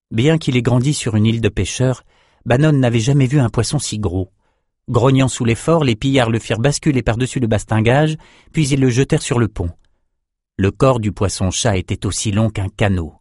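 A man reads a fantasy novel aloud in a steady, measured way. His voice sits low for a man. The sound is dry and close, with no room around it. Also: dry recording. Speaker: audiobook narrator. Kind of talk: scripted narration.

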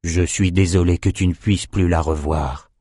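A man voicing a low, steady wizard leader. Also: dry recording, studio quality. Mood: consoling. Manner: measured, consoling.

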